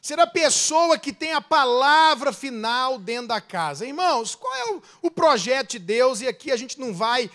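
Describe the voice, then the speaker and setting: A pastor with a Brazilian accent preaches an animated sermon, his voice extremely high in pitch. He swells to loud passages, then drops into quick asides.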